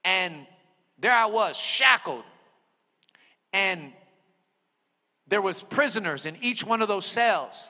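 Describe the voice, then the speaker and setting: A man in his forties preaching a sermon as a pastor, telling his story dramatically, dropping to a hush and rising to shouts. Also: high voice, expressive, takes it slowly, long pauses. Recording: echoey hall.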